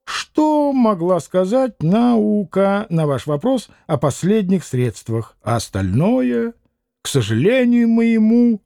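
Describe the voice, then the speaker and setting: A man's voice: sits high, big pitch swings, slow pace, creaky, dark tone, no echo, studio quality, exaggerated voice. A man reading the part of a haughty, impatient male doctor who speaks in curt, clipped phrases.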